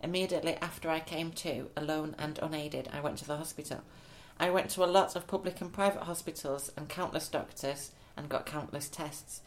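A man's voice: fairly high pitch, steady tone, a little fast, hardly any pauses. A man co-hosting a podcast in casual chat, reading news stories aloud with amused asides. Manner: reads articles out, amused and chatty. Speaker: podcast co-host.

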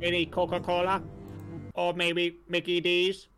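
A man's voice: high-pitched, monotone, measured pace, fairly bright tone, faint music behind. A man voicing a brash, crude damned soul who wisecracks his way through an improvised comedy scene. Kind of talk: improvised comedy role-play.

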